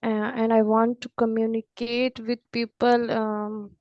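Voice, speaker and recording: A woman with a Punjabi accent, an English learner speaking hesitantly and with frequent pauses as a student in an online lesson. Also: a little high, level tone, dry recording, lo-fi sound. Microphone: online call.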